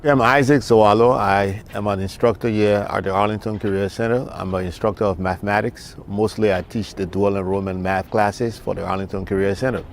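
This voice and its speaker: A man from Liberia, a math instructor speaking in an interview in a measured way with frequent fillers. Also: on the low side, steady tone.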